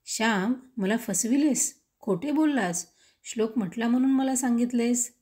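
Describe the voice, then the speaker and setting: A woman's voice: on the high side, normal speed, dark tone, voice pushed up, lightly acted. A woman voicing a stern, loving village mother who firmly scolds her son in a read-aloud story.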